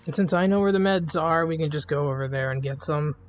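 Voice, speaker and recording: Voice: medium pitch, fast talker. A streamer giving casual, jokey commentary while playing a game, easygoing and laughing often.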